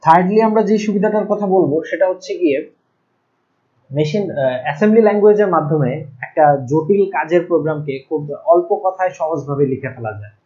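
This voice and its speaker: A young man teaching programming, explaining step by step and pausing to write things out and correct himself. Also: fairly high pitch, mellow. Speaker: ICT teacher. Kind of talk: recorded classroom lecture. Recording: dull lo-fi recording.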